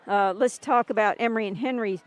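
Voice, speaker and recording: A woman's voice: a little high, brisk. A woman radio sports announcer filling air time during a game delay, chatting and rattling off scores and player stats.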